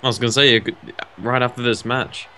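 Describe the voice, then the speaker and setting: A man's voice: mid-range voice, fairly even intonation, fairly quick, pushed and bright, slight background noise. A man giving casual color commentary on a wrestling match, teasing his partner with chuckling banter.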